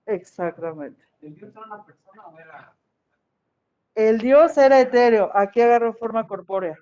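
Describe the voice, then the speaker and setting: A history teacher gives a chatty lecture to an online class and keeps checking whether the students are following. The voice sits at a middle pitch. The audio is dull and lo-fi. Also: lively intonation, normal speed, warm tone, clear, resonant tone. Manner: conversational, often checks in with the class.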